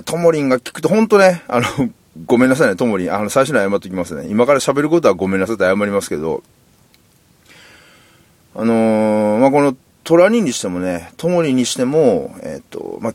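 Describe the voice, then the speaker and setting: Kansai man, podcast host; low and animated, candid, wandering monologue. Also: no echo. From Kansai, Japan. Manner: rambling, candid, self-deprecating. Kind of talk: casual solo podcast monologue.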